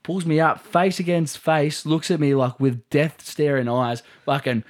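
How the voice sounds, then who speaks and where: A man's voice: on the high side, level tone, measured pace. A man with an Australian accent telling anecdotes in casual chat, rambling, slangy and sweary. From Melbourne, Australia.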